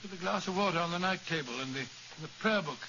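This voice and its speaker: An actor playing a loyal, blustering older British doctor in an earnest 1940s radio style. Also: male voice, high voice, fast. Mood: earnest, puzzled. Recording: dull old radio recording, faint noise.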